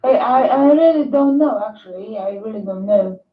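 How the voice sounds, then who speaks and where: A woman talking haltingly on a video call over a bad connection, pausing often and restarting her words. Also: mid-range voice, expressive. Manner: halting, hesitant, many fillers and restarts. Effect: bad video-call connection, tinny and echoey. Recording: tinny echoey video-call audio.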